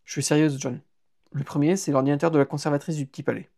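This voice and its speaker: A man's voice: a little high, fairly even intonation, quick pace, a little mellow. A man voicing a bold, earnest young woman thief in an audiobook, speaking insistently. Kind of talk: audiobook character voice.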